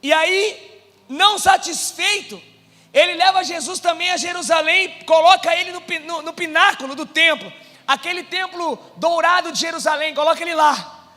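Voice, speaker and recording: A male pastor with a Brazilian Portuguese accent preaching a sermon with a personal testimony. He swings from hushed storytelling to shouted exhortation. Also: very high voice, normal speed, long reverb tail. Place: church hall.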